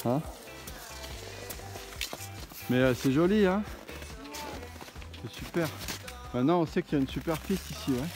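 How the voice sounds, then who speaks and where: A man's voice: a little high, a little slow, long pauses, music in the background. Chatty man vlogging on a ski trail. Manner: chatty, teasing, encouraging. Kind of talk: casual vlog chat. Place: outdoors on a snowy forest ski trail, later in a car.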